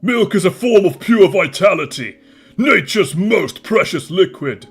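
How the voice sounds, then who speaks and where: Unhurried, earnest adventurer. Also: male voice, high-pitched, animated, husky, faint music behind, exaggerated voice. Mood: curious. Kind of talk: fantasy video game dialogue acting.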